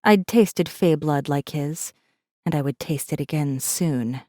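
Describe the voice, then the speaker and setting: A deep, warm, unhurried female voice comes through with studio quality and no room sound. As an audiobook narrator, she takes on the role of a defiant captive rebel assassin, brooding and bitter, intensely narrating her own story in the first person.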